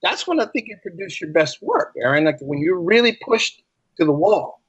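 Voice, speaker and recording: A writer and teacher appears as a podcast guest, telling stories in casual conversation with a high-pitched, very animated, slightly rough voice at a moderate pace. He's earnest and emphatic, repeating phrases, and the line is dry, slightly dull and lo-fi.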